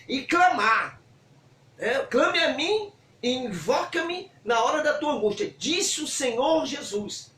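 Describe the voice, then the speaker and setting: A man preaching a sermon as a bishop, fervent and swinging from hushed to shouting. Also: very high voice, a little hiss or hum. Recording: echoey room, voice from far off.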